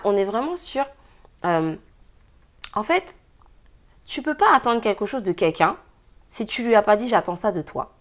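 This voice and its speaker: A woman giving a casual daily card reading, chatty and emphatic, breaking into laughs as she gives advice. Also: medium pitch. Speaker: tarot card reader.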